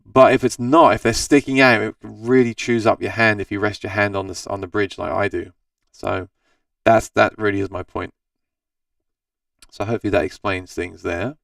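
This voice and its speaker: His voice is on the low side, a bit bright, with fairly even intonation and a moderate pace; tired and scratchy, gravelly over a smooth core. This Australian hosts a live gear Q&A stream, chatting casually about guitars and answering viewer comments while rambling, self-correcting and restarting sentences. The recording is dry with no echo, the mic set a little back.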